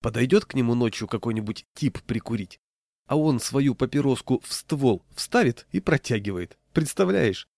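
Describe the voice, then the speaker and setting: A man's voice: mid-range voice, expressive, normal speed, vocal fry, a little mellow, no room sound, clean studio sound. A man doing a fussing, anxious wife. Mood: worried. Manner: worried, chatty warnings. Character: anxious wife, middle-aged woman, fussing.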